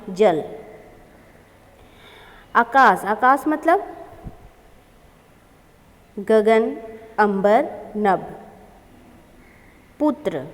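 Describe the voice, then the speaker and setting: A woman's voice: fairly high pitch, in a large hall. A woman teaching a grammar lesson to children, explaining and repeating each word.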